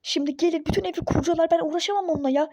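A sarcastic, fed-up young mother in a phone-game role-play story, voiced by a woman. She talks high but with a mellow, dark tone, and snaps back with exasperation. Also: very fast, no echo, studio quality. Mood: exasperated. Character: irritable young pregnant mother, fed up, skeptical.

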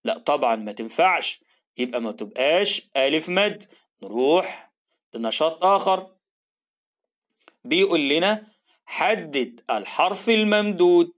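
A man with an Egyptian Arabic accent teaching a children's reading lesson, encouraging and stretching out syllables as he models them. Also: on the high side.

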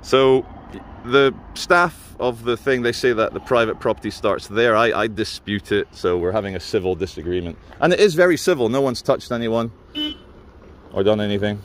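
Recorded on a handheld phone by a gate and car park, this Scottish vlogger speaks at an ordinary pace in a fairly low voice, with slight background hiss. He films a confrontation while chatting and joking to camera, teasing playfully and disagreeing politely.

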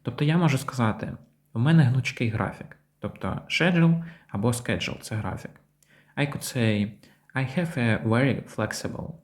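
A man giving a language lesson, saying example words slowly and clearly and repeating them. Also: medium pitch. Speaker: English teacher.

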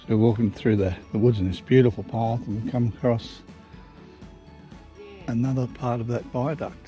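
A man's voice: mid-range voice, steady tone, normal speed, warm tone, faint music behind, poor audio. A middle-aged Australian man outdoors, chatting and admiring the sights as he walks and films. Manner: chatty, admiring commentary while walking. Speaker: vlog host. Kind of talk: walking vlog commentary. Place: outdoors on village lanes and woodland paths.

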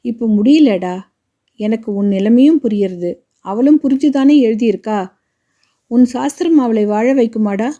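A woman's voice: a little high, normal speed, mellow, lightly acted. A woman voicing a grieving, defiant grandmother. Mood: grieving reproach. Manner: impassioned, reproachful pleading.

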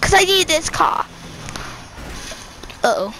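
Female streamer, high bright voice, unhurried between bursts of excited shouting; giggly, chatty with viewers. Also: a little hiss or hum. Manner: excitable, giggly, talks to viewers and yells at other players. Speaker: gameplay streamer. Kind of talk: casual gameplay commentary.

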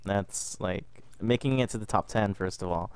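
A young adult Canadian gaming vlogger, sounding a little sick, tells a story casually over gameplay. His lowish voice is smooth and moves at a normal pace, though he rambles and restarts often.

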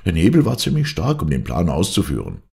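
A man's voice: sits low, huge pitch swings, a little fast, vocal fry, a little mellow, heavily acted. A man voicing a stubborn, proud male ship commander in an audiobook, speaking emphatically and insistently.

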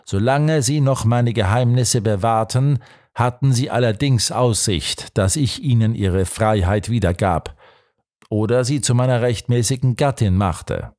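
A man reading the part of a menacing nobleman officer in an audiobook, his threats dark and rumbling. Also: a little slow, close to an everyday voice. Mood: threatening.

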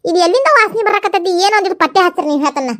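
A woman voicing a fierce, rough-spoken village mother in a comedy skit, with a North Karnataka Kannada accent. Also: very high-pitched, animated, racing, a bit bright, no echo, studio quality. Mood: accusing. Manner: gruff, accusing, rough-spoken.

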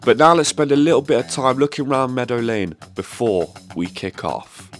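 A man's voice: mid-range voice, moderate pace. A man giving scripted, upbeat voice-over narration for a matchday vlog. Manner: clear, upbeat tour narration. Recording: music behind.

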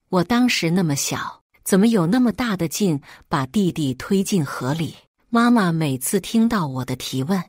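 A woman narrating a dramatic first-person family story in an expressive, emphatic reading. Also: fairly low pitch, no room sound, studio quality.

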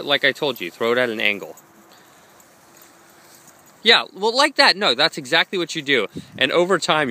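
A young man with a mid-range voice, pushed and bright, films a casual vlog on a handheld camera, coaching a frisbee throw and chatting with his dogs. He's a dog trainer vlogger moving between a gym, a park and home, and the camera's own mic picks up his voice.

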